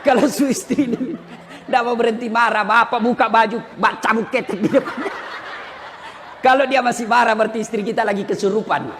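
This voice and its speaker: A man preaching a sermon in an animated, joking style, with sudden shouts. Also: extremely high pitch, brisk, a little hiss or hum. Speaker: Islamic preacher. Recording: long hall reverb.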